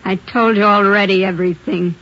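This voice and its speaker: In a 1950s radio drama, an actress plays a defiant young woman suspected of murder, answering curtly and snapping back with a sullen, defiant mood. Her mid-range voice is steady, fairly quick, and fairly bright, lightly acted, heard through a dull old radio broadcast.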